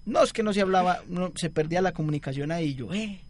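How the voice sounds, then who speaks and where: A man's voice: high-pitched, quick pace. A young man telling a long, rambling story in casual chat and acting out the quotes. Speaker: guest storyteller.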